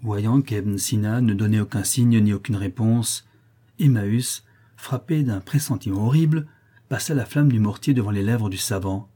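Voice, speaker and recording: A man narrating a classic tale as an audiobook in a measured, solemn manner. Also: fairly low pitch, warm tone, slightly rough.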